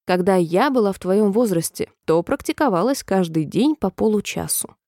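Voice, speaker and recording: Reading from a storybook, a woman with a mid-range, everyday-sounding voice and a moderate pace gives life to a fretful, whimpering old queen. The character wails and breaks into squealing cries, then turns oddly calm. The studio-quality recording has no echo.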